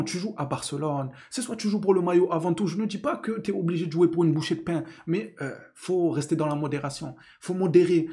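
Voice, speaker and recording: A young man who hosts football videos delivers an angry post-match rant, indignant, sarcastic, and mocking. His voice sits high yet has a dark tone.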